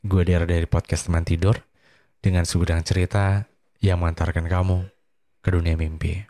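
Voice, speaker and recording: Sleepy, very low-voiced Indonesian man. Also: level tone, normal speed, dark tone, no room sound, clean studio sound. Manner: sleepy, drowsy, low-energy delivery. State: tired and slightly unwell. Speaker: podcast host. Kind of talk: casual late-night solo podcast chat.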